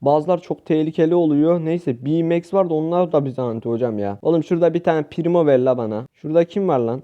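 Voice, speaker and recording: An excitable young man from Turkey talks over his own gameplay, calling out teammates and firing off words again and again. His voice sits a little high yet sounds very dark and mellow. The lo-fi mic leaves it dull. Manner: excitable, shouts at teammates, rapid repeated words. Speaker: gaming YouTuber. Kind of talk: live gameplay commentary.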